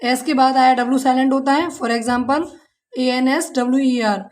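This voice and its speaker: A woman's voice: high-pitched, steady tone, moderate pace. A woman with an Indian accent teaching an English lesson in Hindi. She spells words out letter by letter, asks her students questions and calls them "beta" like a mother. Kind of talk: classroom-style language lesson.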